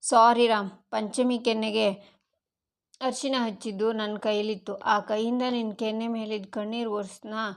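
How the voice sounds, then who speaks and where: A woman's voice: on the high side, flat delivery, normal speed, close to an everyday voice. A woman voicing a playful, mischievous young woman who teases the others. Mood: teasing. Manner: teasing.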